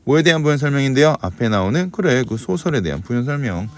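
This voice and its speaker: A man's voice: medium pitch, very animated, fast. Man teaching grammar with self-answered questions. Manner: asks and answers his own questions; shifts between polite and casual speech. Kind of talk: recorded grammar lecture.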